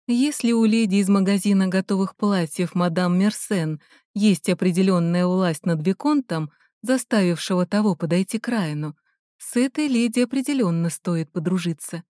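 A woman reading a first-person novel aloud in measured, even storytelling. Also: medium pitch, no echo, studio quality. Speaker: audiobook narrator. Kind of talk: first-person audiobook narration.

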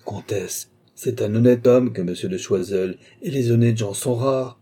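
A man's voice: on the low side, unhurried, breathy edge. A man playing a weary, placating king. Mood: reproachful. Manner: placating, gently reproachful. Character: weary, indulgent middle-aged king.

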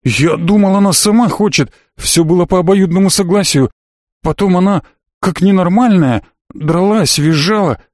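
A jittery, whining young man, played by a male reader, his voice pushed up high and trembling as he makes excuses. The tone is fretful and defensive, and the recording is close and dry. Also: moderate pace, darkish tone, dry recording, lightly acted.

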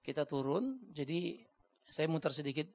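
A man's voice: fairly high pitch, big pitch swings, normal speed. A man preaching a sermon bluntly and with energy, acting out the voices he quotes and dropping English words into his talk. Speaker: pastor.

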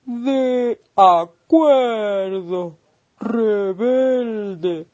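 A woman with an Argentine accent plays a wise old tortoise from a storybook, drawn out word by word at a very slow pace. The voice is mellow and warm, a touch above her usual pitch, calm and deliberate. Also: dull audio. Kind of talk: children's storybook reading.

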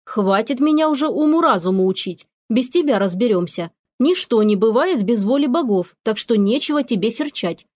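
A woman's voice: a little high, animated, normal speed, few pauses, darkish tone, no echo. A woman voicing a stern witch, the mistress of the house, scolding and giving orders, in a storybook reading. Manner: scolding, commanding.

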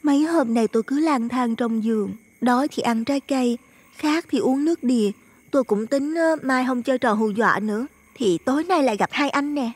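A man voicing a gentle, playful young village girl in an audio ghost story, speaking softly and chattily. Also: extremely high pitch, brisk, slightly rough, voice pushed up. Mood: explaining.

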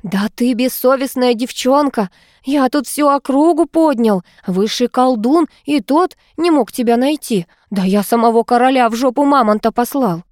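A woman voicing a hot-tempered, protective male cat familiar who shouts in indignant outbursts, as in an audiobook. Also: fairly high pitch, expressive, moderate pace, few pauses, dry recording, clean studio sound, close to an everyday voice. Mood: furious. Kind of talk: audiobook character voice.

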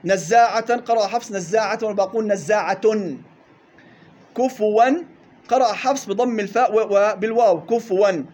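A man teaching a tajweed lesson in a classroom, listing reading variants briskly and drawing out the recited words slowly. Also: sits high, fairly even intonation, darkish tone.

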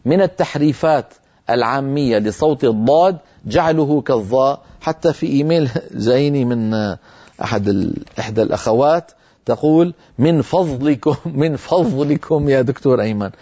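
A Syrian man teaching a televised Quran recitation lesson, answering questions and sounding out letters slowly, syllable by syllable. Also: mid-range voice, expressive, dark tone. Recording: muffled broadcast audio.

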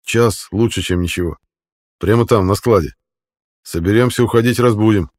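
A man's voice: on the low side, moderate pace, lightly acted. A man voicing a tough male squad commander in an audiobook, speaking in curt orders. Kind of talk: audiobook character voice.

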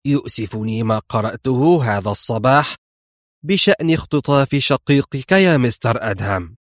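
A man's voice: medium pitch, expressive, moderate pace, no room sound, clean studio sound, lightly acted. A man reading an audiobook and voicing a cunning, smug old male villain in a wheelchair. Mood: sly, smug. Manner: smug, mocking, theatrical.

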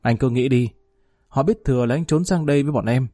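A man's voice: mid-range voice, fast talker, mellow, no echo, studio quality, natural voice. A man voicing a fawning, nervous male gang underling who pleads and placates in a story reading. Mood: pleading.

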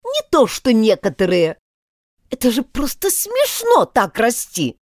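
Lady putting on a tiny squeaky dormouse, huffy and prim, storybook critter. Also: huge pitch swings, measured pace, no echo, studio quality.

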